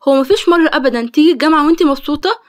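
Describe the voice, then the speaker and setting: A woman's voice: high voice, rapid-fire, natural voice. A woman voicing a caring, sensible young female student who fusses over her friend, in an Egyptian Arabic accent. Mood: fussing. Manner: fussing, scolding kindly. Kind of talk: storytelling.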